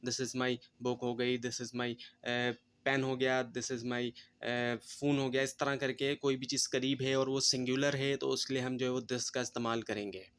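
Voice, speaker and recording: A man teaching an English grammar lesson, explaining slowly in Hindi mixed with English terms and pausing with fillers. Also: medium pitch, flat delivery, fairly bright tone, smooth.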